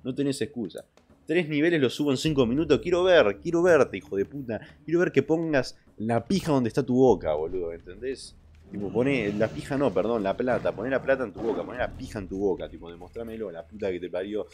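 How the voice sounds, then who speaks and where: A young man with an Argentine Spanish accent and a lowish voice, streaming and reading out viewer messages. His delivery is crude and jokey, full of trash talk. He jumps between loud outbursts and low mutters. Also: expressive, quick pace, a little hiss or hum. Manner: crude, joking, trash-talking. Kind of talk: casual livestream chat reading viewer messages.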